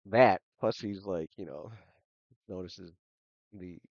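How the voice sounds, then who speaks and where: A man narrating a tabletop game as game master, relaxed and quick to laugh. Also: sits low, no room sound, muffled recording.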